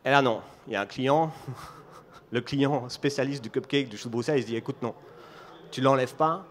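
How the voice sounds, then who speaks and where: A man's voice: mid-range voice, fairly quick. A man from Belgium with a Belgian French accent, giving a conference talk and explaining an idea through a running story, with frequent restarts. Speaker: conference speaker.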